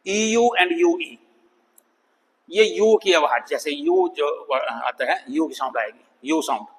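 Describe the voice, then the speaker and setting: A man teaching an English phonics lesson, sounding out words slowly and repeating them for students. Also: on the high side, husky, big-room sound, poor audio. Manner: slow, drawn-out demonstration of words, calls students "bhai".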